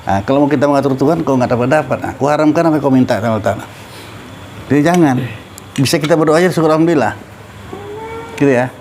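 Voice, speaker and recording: A man's voice: mid-range voice, fast talker, pauses often, a little mellow, a little hiss or hum. A middle-aged man, a religious teacher, giving a casual study talk and asking his listeners questions. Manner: conversational, asks listeners questions.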